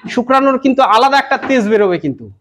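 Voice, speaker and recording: Very high-pitched farmer guy from west bengal, keeps asking "you get it?", goats in the back. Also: expressive, quick pace, a bit bright, slight background noise. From West Bengal, India. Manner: repeats "কিন্তু" and "বুঝতে পেরেছেন?" often. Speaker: goat farmer and breeder. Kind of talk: explaining to an interviewer. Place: goat farm, outdoors.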